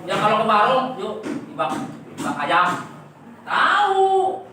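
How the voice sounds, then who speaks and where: A woman's voice: mid-range voice, expressive, fairly quick, noisy background. Woman teacher quizzing a class. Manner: quizzes and coaxes the class with repeated questions. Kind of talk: classroom lesson. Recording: echoey classroom from far off.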